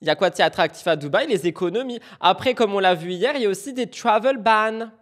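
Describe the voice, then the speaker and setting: A woman hosting a live stream, commenting with animated, mocking and exaggerated reactions. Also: mid-range voice, a little fast. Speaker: streamer host.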